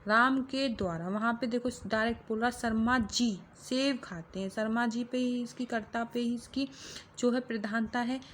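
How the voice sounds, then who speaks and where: A woman's voice: on the high side, fairly even intonation, moderate pace, a bit bright, slight background noise. A woman teaching a grammar lesson to exam students, explaining step by step and repeating key phrases to check along.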